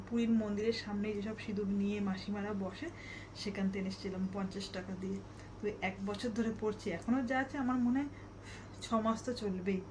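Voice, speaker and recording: Her voice medium in pitch, a vlogger rambles homely and casually to viewers about her day indoors at home. She keeps it soft so a sleeping child stays asleep, and the phone recording is noisy.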